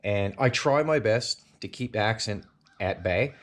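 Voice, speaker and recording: A Newfoundland man with a lowish, slightly slow voice hosts a casual DIY car repair video from his home garage. He's chatty and rambling as he talks through the job, full of fillers and restarts.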